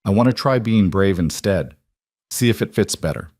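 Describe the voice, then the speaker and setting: A man's voice: on the low side, expressive, normal speed, darkish tone, no echo, clean studio sound. A man voicing a guilt-worn single dad. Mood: confessional. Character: guilt-worn single father, firm and resolved.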